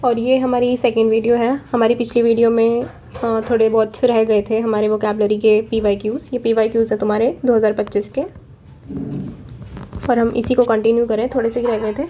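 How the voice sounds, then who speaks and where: Mellow Indian woman teaching vocabulary. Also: a little high, level tone. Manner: explains each word slowly and repeats "ठीक है". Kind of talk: exam-prep vocabulary lesson. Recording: faint background noise.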